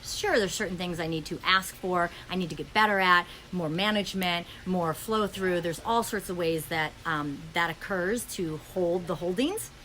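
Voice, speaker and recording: A woman hosting a podcast, speaking fast in a flowing spiritual monologue with many ums and restarts, recorded in a friend's home. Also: on the low side, sharp tone, slight background noise, low-quality recording. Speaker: podcast host.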